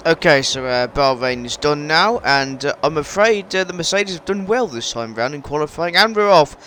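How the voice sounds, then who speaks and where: A man commentating his own racing game run, halting and full of fillers, then bursting into shouting excitement, his voice straining. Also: on the high side, slight background noise, low-quality recording. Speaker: gaming YouTuber commentating his own race. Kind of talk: excitable race commentary over gameplay.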